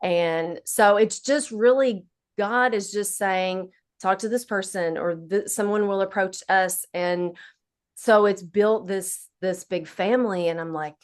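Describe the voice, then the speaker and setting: A woman's voice: medium pitch, measured pace, smooth. A woman with an Appalachian accent chatting casually as an interview guest, in a folksy, unflattened dialect. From Appalachia, United States.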